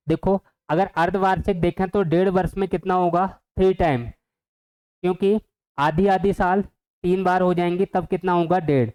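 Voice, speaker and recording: A man's voice: high voice, a little mellow, clear, resonant tone, low-quality recording. A man teaching an exam-prep math lesson, who keeps asking the viewers questions and then answers them himself.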